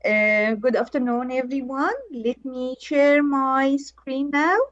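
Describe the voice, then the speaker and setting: A woman from Egypt, presenting over a video call and reading a prepared conference paper slowly and carefully. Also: high-pitched, steady tone, no echo. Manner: slow, careful, measured delivery. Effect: heard over a video call. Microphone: remote computer mic on a video call. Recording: dull, dry video call audio.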